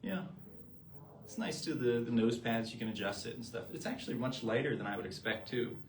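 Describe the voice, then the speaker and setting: A man co-hosting a live product show presents eyewear, explaining each item in an easygoing way with frequent fillers. His mid-range voice is animated and brisk, and the room sounds echoey.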